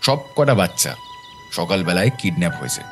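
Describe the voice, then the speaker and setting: In an audio drama, a man plays a determined, methodical detective, speaking in a low voice with serious, deliberate delivery and big swings in pitch. The mood is grave, and music is clearly audible behind him.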